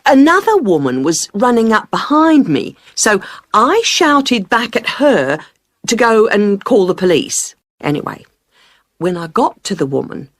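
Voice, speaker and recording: An actress playing a chatty female witness, telling a police officer what she saw in a rambling, lively way in a scripted listening test dialogue. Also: mid-range voice, no echo, clean studio sound. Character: chatty female witness recounting a street bag snatch.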